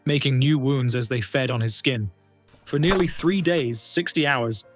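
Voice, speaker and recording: A man's voice: medium pitch, fairly bright tone. A man giving scripted documentary narration, telling a true story in a dramatic, suspenseful way.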